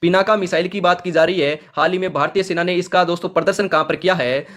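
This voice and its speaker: A man's voice: high voice, fairly even intonation, fast, fairly bright tone. A male coaching teacher running an exam quiz lesson, who reads each question and its options, then stresses the answer and keeps telling viewers to remember it. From Rajasthan, India. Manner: addresses viewers as friends, urges them to remember. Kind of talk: current affairs quiz lesson.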